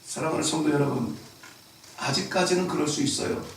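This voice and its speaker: A man with a high voice preaches a Sunday sermon with emphatic rises and sudden shouts. His voice rings through a very echoey hall. It is picked up from a distance. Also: fairly quick, a little hiss or hum. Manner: emphatic preaching, rising to shouts at key lines. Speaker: pastor. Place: church sanctuary. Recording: very echoey church hall, voice from afar.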